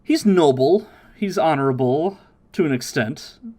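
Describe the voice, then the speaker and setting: A man hosting a casual podcast, recapping episodes in an animated way and slipping into impressions of the characters. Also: fairly high pitch, moderate pace. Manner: animated, mimics characters' voices while recapping. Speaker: podcast host.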